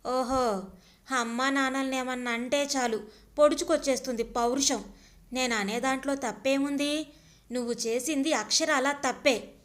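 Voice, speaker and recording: A woman's voice: high-pitched, steady tone, moderate pace, a bit bright. Ravi, a woman doing a sneering husband. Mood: scolding. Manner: sneering, scolding. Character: scornful husband, a clerk, mocking his wife.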